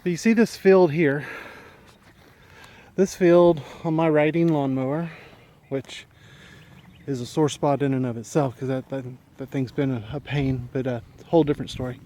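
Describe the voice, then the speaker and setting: Giving an easygoing, meandering tour of his rural property, a homesteading vlogger speaks at a moderate pace, a bit out of breath. His voice is fairly high and dark-toned with fairly even intonation.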